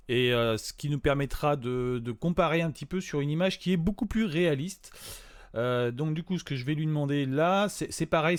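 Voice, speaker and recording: A man's voice: medium pitch, dry recording. A man giving a casual screen-recorded tutorial, talking to viewers in a chatty, hesitant way. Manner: hesitant, many fillers and restarts; chatty, addresses viewers directly. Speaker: tutorial presenter.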